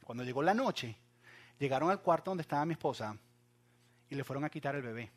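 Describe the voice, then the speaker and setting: A young man preaching a sermon, swinging from loud acted cries to hushed asides and talking straight to his listeners. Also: mid-range voice, expressive, quick pace. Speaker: pastor.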